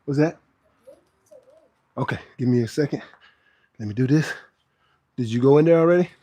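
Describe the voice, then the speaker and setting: A man's voice: mid-range voice, moderate pace, warm tone, no echo. A man who works as a fitness trainer, chatting casually and emphatically to livestream viewers between sets of pull-ups, repeating phrases for stress. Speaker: fitness trainer hosting a live workout stream. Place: outdoors under a roof.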